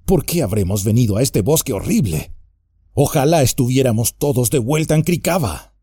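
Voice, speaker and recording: A man's voice: medium pitch, animated, normal speed, mellow, husky, no room sound, studio quality. A man voicing a frightened young male hobbit who cries out in alarm, in an audiobook reading. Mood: worried. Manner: anguished, raising voice in alarm.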